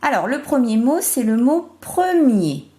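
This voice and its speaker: Slow, lively-voiced woman teaching phonics. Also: on the high side. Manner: slow, deliberate, spells out syllables and sounds. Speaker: primary school teacher. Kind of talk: remote phonics lesson for young children.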